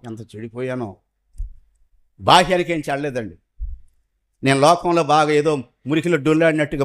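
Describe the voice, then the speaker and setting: Male preacher, high-pitched voice, middle-aged, dramatic swings from forceful to hushed, rhetorical sermon delivery. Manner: emphatic, rhetorical questions, swings from loud to hushed.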